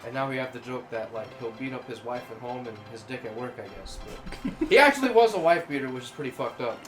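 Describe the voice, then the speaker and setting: A man's voice: mid-range voice, animated, fast, a bit bright, reverberant, soft background music, poor audio. Rambling man telling crude stories. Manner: rambling crude anecdotes, acts out quoted voices. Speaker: podcast co-host. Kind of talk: casual storytelling chat.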